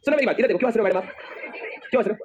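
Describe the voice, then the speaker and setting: A man teaching a class, energetic and teasing his students, then dictating slowly. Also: high-pitched. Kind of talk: lively classroom lecture. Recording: noisy classroom with class chatter. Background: students murmuring.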